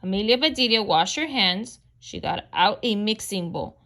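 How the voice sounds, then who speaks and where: A woman's voice: medium pitch, expressive, moderate pace, bright, forceful tone. A woman reading a children's book aloud, announcing each page turn. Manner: announces page turns, chuckles. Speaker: reader.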